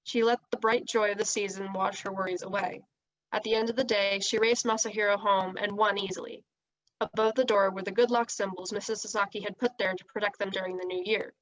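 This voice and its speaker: A woman reading a children's novel aloud, with steady, expressive storytelling. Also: medium pitch, brisk, poor audio. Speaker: reader.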